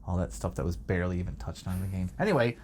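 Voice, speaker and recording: A man co-hosting a movie review podcast, talking in a loose, joking way. His pitch jumps high with excitement and then sinks low and quiet at the ends of thoughts. A faint hiss of noise sits under the voice. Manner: animated, quick, jokey, trails off low. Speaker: podcast co-host. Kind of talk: casual movie review chat.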